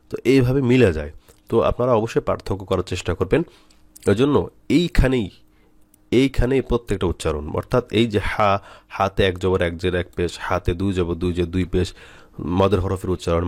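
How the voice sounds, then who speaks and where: A man teaching Quran reading, who drills letter sounds slowly and patiently and repeats key points. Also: low-pitched, dry recording. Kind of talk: recorded lesson.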